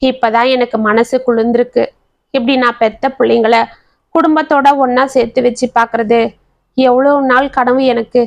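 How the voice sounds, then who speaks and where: A woman's voice: a little high, level tone, normal speed, gravelly, no echo, muffled recording. A woman doing an ailing grandmother, pleading. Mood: tender. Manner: pleading, breathless.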